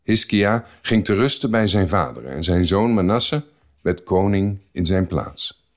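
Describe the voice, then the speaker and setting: A man reading scripture aloud for a podcast in a measured, solemn manner. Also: sits low, lively intonation. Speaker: Bible reader.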